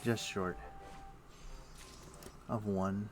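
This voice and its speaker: Streaming a game live, a man talks to himself casually through a desk mic, thinking aloud in brief muttered bits. His voice is on the low side and steady, with drawn-out words, and music plays in the background.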